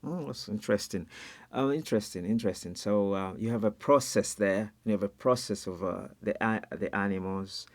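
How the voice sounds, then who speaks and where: A man hosting an online panel interview, enthusiastic, with quick interjections. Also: lowish voice. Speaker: host. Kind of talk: interview chat.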